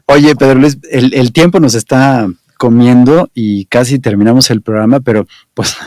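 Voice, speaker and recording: A man's voice: medium pitch, moderate pace, darkish tone, dry recording. A man hosting an interview, agreeable and interjecting often. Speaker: host. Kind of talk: conversational interview.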